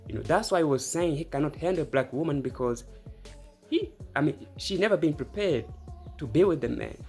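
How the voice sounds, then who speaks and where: A man's voice: fairly high pitch, lively intonation, fairly quick, a little mellow, soft background music. A man hosting a reaction channel, giving casual, opinionated commentary and talking to the viewer directly.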